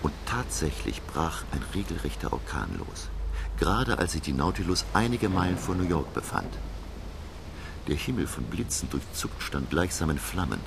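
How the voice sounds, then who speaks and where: Very deep, gravelly professor. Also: male voice, animated, normal speed, noisy background, heavily acted. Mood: tense, narrating. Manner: formal, earnest, dramatic. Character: educated male professor, indignant captive, earnest chronicler. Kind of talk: German radio drama, dialogue and dramatic narration.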